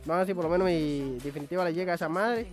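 A young man giving excitable, chatty live commentary on his own gameplay. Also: sits high, racing, soft background music. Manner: excitable, chatty, swears lightly while playing. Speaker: gaming YouTuber.

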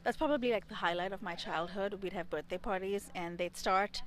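A woman in her thirties, from India and raised in Dubai, answers interview questions outdoors beside a building wall, speaking into a close handheld mic. Her medium-pitched voice is brisk, and she's thoughtful, a little hesitant as she searches for words. Audio quality is poor.

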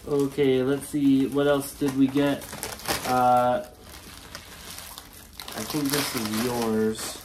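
Young woman with a very deep voice. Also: little pitch movement, slow pace, pauses often, background noise. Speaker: travel vlogger. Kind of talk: casual chat.

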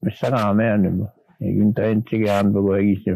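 An older man from Manitoba, Canada, a guest on a radio interview, recalling old times in a rambling, halting way with many restarts. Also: on the low side, little pitch movement, gravelly, lo-fi sound, slight background noise.

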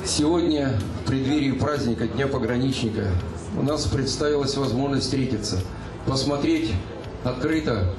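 A man's voice: medium pitch, background noise. A man giving a formal public speech at a ceremony. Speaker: speaker at a veterans' ceremony. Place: outdoor square. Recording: echoing distant PA with music.

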